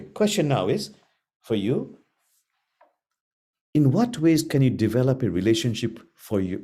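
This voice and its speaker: A middle-aged man teaching a spiritual class, speaking slowly and earnestly with repeated phrases and long pauses. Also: mid-range voice, warm tone, husky. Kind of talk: gentle spiritual class talk.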